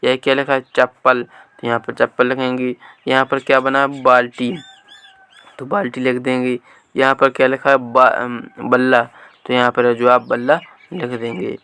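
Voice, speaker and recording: A man's voice: mid-range voice, level tone, moderate pace, sharp tone, smooth. A male teacher walking through workbook exercises, patiently repeating answers and asking questions as he goes. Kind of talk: workbook lesson walkthrough.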